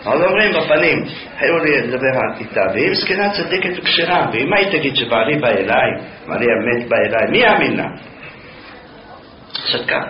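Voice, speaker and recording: A man who teaches through stories, telling them with lively asides and dry jokes. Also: mid-range voice, a little hiss or hum. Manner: animated storyteller with dry asides. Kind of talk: storytelling lesson. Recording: roomy, somewhat dull recording.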